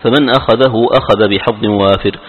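Fast male reader in a reverberant hall. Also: fairly low pitch, steady tone, breathy edge. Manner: reads quickly, slows on quoted verses. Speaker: student reading the text aloud. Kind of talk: formal reading of a classical text. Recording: dull lo-fi sound with long reverb.

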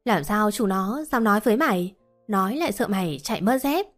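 A woman's voice: medium pitch, expressive, a little fast, faint music behind, natural voice. A woman reading as a blunt scolding old village woman.

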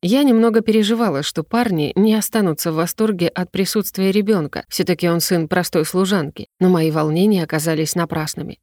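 A woman narrating a novel in first person with an even, measured reading. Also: fairly low pitch, no echo, clean studio sound. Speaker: audiobook narrator.

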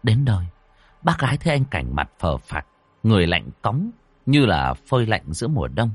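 A man's voice: fairly low pitch, very animated, moderate pace, slightly rough, dry recording. A man narrating a ghost story dramatically, voicing each character himself. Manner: dramatic, acting out every character.

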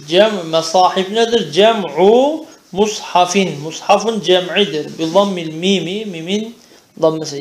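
High-voiced Turkish man teaching in an echoey room. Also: creaky. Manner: reads a phrase then translates and questions the class. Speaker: Arabic and theology teacher. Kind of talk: classroom lesson, reading Arabic text and explaining in Turkish. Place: classroom.

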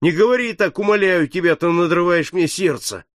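A man's voice: high-pitched, a little fast, no echo, studio quality, pitched above the performer's own voice, lightly acted. A man reading an audiobook, voicing a bold young adventurer who speaks raised and insistent. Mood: pleading.

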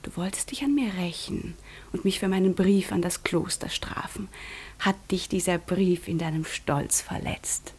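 A proud young woman just out of a convent, in a radio play. Her breathy, fairly high voice keeps sinking into tense whispers. She stays sharp and guarded under the softness. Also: animated, moderate pace. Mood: hushed intense. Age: young adult. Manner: drops often to a tense whisper. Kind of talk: studio radio drama acting.

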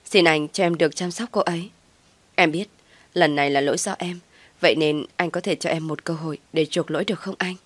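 A woman's voice: low-pitched, steady tone, a little fast, dry recording. A woman voicing a young husband who reproaches his mother and pleads, in storybook narration. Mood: pleading.

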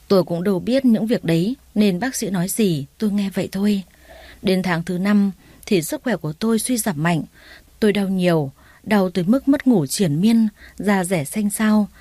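Casting: a woman, calm story narrator, mellow tone, dry close sound. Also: medium pitch, no echo. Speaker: audiobook narrator. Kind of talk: first-person story narration.

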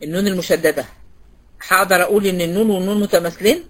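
Racing along in a lowish voice with fairly even intonation, a woman with an Egyptian Arabic accent conducts an online recitation lecture. She quizzes students by name and keeps repeating the key points.

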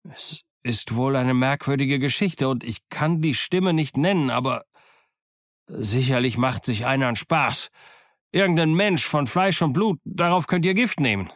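A man's voice: medium pitch, expressive, a little slow, fairly bright tone, no echo, studio quality. A man doing a shaken pirate captain. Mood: shaken bluster. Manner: shaken, then blustering. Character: frightened pirate leader, older man, forcing courage.

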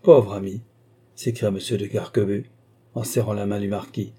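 A man reading a classic novel aloud as an audiobook narrator, in measured, even storytelling. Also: on the low side, slightly rough. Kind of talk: scripted narration.

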